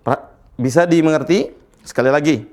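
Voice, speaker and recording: A man teaching Quran recitation in a slow lesson, patiently repeating letters and checking that his students follow. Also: a little high, darkish tone. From Indonesia.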